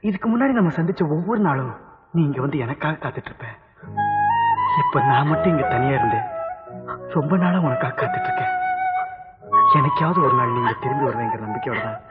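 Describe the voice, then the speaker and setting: An actor voicing a lovelorn young man reading his letter as a voice-over, on a tinny soundtrack. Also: a little high. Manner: longing, tender letter reading. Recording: tinny old film audio over flute music.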